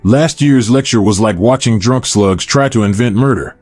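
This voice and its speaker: A man's voice: medium pitch, moderate pace, darkish tone, no echo, faint music behind, natural voice. A man doing a sarcastic scaly alien cadet. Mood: sneering. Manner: muttering, sarcastic.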